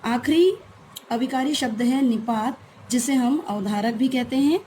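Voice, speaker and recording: Warm-voiced woman teaching grammar. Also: on the high side, a little slow, a little hiss or hum. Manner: patient, explanatory, repeats key terms. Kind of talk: grammar lesson for school students.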